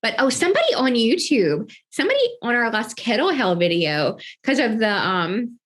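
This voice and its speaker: A woman's voice: on the high side, very animated, moderate pace, fairly bright tone. A young adult woman co-hosting a podcast, chatting casually, laughing often and thinking aloud with lots of fillers. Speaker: podcast co-host. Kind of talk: casual chat.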